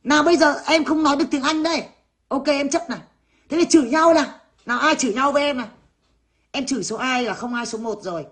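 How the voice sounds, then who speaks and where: A woman's voice: sits high, quick pace, fairly bright tone. A woman in her thirties from Vietnam, ranting bluntly to her viewers and swearing freely. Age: 30s. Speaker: vlogger.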